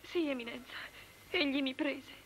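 An actress playing a dramatic, excitable wife who tells her story with theatrical flair, in a film comedy. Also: high-pitched, normal speed, a little hiss or hum, natural voice. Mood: hushed.

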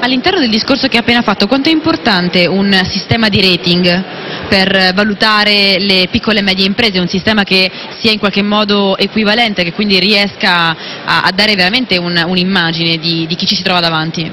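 A woman, a TV interviewer asking brisk questions. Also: mid-range voice, bright, forceful tone. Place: convention hall TV set, indoors. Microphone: handheld. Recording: broadcast audio with background noise.

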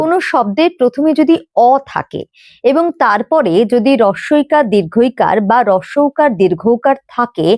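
A woman's voice: high-pitched, a little mellow, dry recording, clean studio sound. A woman teaching a pronunciation lesson, explaining patiently, spelling out letters and repeating example words.

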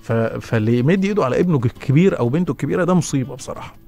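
Egyptian guy on the radio, rapid-fire advice chat, stumbles and restarts a lot, faint music behind. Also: medium pitch, vocal fry. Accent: Egyptian Arabic. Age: middle-aged. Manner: fast, lively, stumbling restarts and laughs. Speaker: radio host answering listener messages. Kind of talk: casual advice talk on radio.

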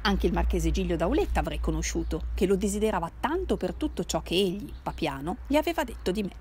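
A woman reading aloud, voicing a scheming, haughty man who talks without pause. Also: lowish voice, animated, darkish tone, a little hiss or hum, close to an everyday voice. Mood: insistent. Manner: nonstop talking, insistent.

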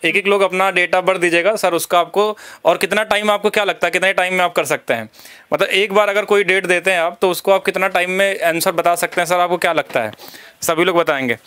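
A man's voice: high voice, steady tone, a little fast, bright, forceful tone, smooth, no room sound. A man co-hosting a live class, talking directly to the students and reading out their names and birth dates. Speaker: co-host reading out students' questions.

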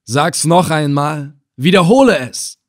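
A man voicing a cruel, scornful male slave trader in an audiobook, threatening and loud. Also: mid-range voice, lively intonation, measured pace, natural voice. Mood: commanding. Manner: sneering, threatening. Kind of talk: audiobook character voice.

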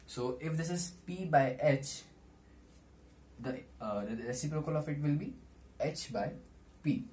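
A young man teaching maths at a whiteboard in a small room, explaining deliberately in short steps. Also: on the high side, a little mellow. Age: teens to young adult. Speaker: maths tutor. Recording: noisy small-room camera recording.

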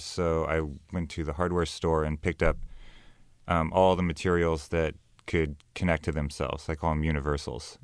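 A man's voice: deep voice, clean tone, dry recording, clean studio sound. A young American man, an artist guest, explaining himself earnestly in a conversational radio interview. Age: young adult. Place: small radio studio. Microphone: studio broadcast microphone, close.

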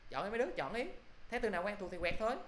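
A man's voice: high-pitched, expressive, racing, a bit bright, echoey room, a little hiss or hum. A male teacher quizzing his class through an English review, often checking if they follow. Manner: quizzing students, repeating "được chưa?".

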